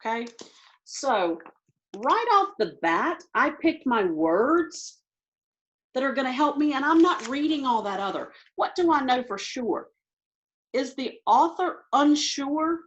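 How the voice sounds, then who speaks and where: Woman teacher, slightly high voice, quick self-narrating delivery, video-call audio. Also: sing-song, lo-fi sound. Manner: quick, self-talking teacher walking through answers aloud. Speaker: test prep teacher. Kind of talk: recorded online lesson.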